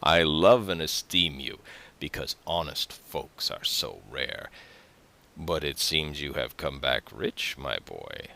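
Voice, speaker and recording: A man voicing a grinning, envious young tailor neighbor in a loud, falsely hearty way. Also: extremely low pitch, lively intonation, slow, gravelly, a little hiss or hum, full character voice.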